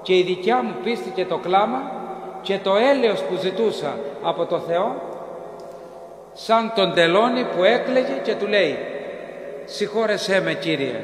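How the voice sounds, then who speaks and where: A fairly high-voiced man preaching a sermon as a priest, acting out the exchanges in the story he tells. His voice rings through a church with a long, echoing reverb. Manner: animated storytelling, acting out dialogue.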